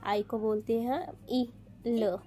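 A woman teaching children phonics, drilling sounds slowly and patiently in call-and-response. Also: a little high, darkish tone. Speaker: teacher and channel host.

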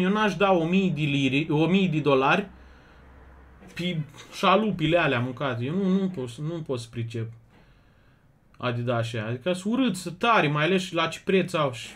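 A young man from Romania streaming slots live, chatting casually and loudly greeting viewers one after another. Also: on the high side. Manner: loud, excitable, greets chatters rapidly. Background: music.

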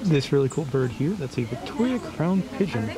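A man's voice: medium pitch, moderate pace. Chatty man touring a zoo outdoors. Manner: relaxed, chatty, pointing out animals with small restarts. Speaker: zoo tour vlogger. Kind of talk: casual narrated zoo walkthrough. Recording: outdoor noise around camera mic.

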